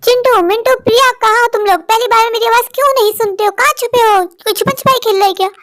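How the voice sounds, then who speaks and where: A woman's voice: very high-pitched, quick pace, a bit bright. Fretful cartoon mother. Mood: fearful. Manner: fretful, talking to herself. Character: worried young mother alone in a haunted house.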